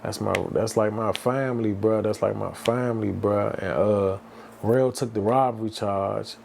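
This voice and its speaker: Gravelly-voiced man from the D.C. telling his story. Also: on the low side, steady tone, normal speed, darkish tone, slight background noise. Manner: loose slang-heavy talk, many restarts and "bruh". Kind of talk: casual storytelling to camera.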